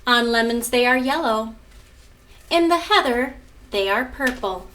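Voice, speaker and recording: At home, an adult art teacher and mother reads a picture book and narrates a lesson, guiding children along with questions like a teacher. She speaks slowly in a bright, fairly high voice with lively intonation, distant from the mic amid background noise.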